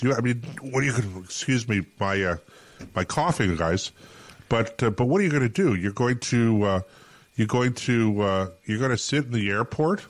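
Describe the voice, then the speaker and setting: A Canadian man co-hosting a talk podcast, telling a rambling anecdote full of restarts and fillers. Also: medium pitch. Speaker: podcast co-host.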